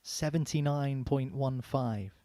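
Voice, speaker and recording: A man's voice: mid-range voice, slow pace, warm tone. A man giving conversational live commentary on a darts match, with noise and clicks behind him.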